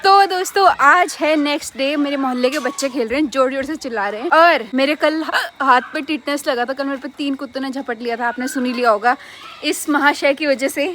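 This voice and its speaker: A woman's voice: high voice, fairly quick, fairly bright tone, slight background noise. A young woman vlogging casually, telling a story animatedly with laughs. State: hiccuping. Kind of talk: casual vlog chat. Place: home and neighbourhood street.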